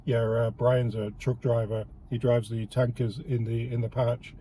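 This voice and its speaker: A man's voice: medium pitch, flat delivery, a little slow, dark tone, a little hiss or hum. A man from the United Kingdom with a British accent, hosting a casual political commentary show, heated and sarcastic, stumbling and repeating words as he goes. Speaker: host.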